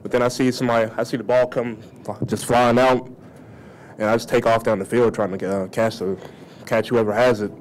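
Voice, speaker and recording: A man's voice: medium pitch, flat delivery, brisk, a little hiss or hum, poor audio. A young man, a college football player, casually recounting plays at a postgame press conference into a table mic. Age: young adult.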